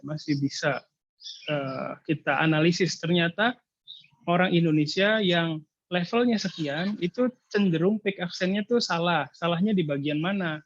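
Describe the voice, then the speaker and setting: A man's voice: a little high, no echo. Guy lecturer advising on a thesis over a video call, lots of uhs, dry muffled sound. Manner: explanatory, hesitant, frequent filler pauses. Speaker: university lecturer. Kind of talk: casual thesis advising in an online seminar.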